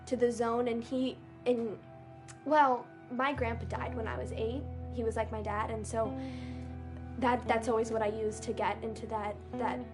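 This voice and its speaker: A woman in an interview sharing a personal memory in a soft, steady way. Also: a little high, moderate pace, music in the background. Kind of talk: interview recollection.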